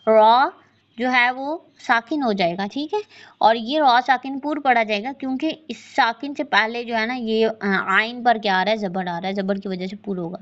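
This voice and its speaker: A woman teaching a tajweed lesson, chanting verses slowly and then explaining each sound briskly. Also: a little high, dull audio. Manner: slow drawn-out recitation between brisk explanations. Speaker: Quran recitation teacher.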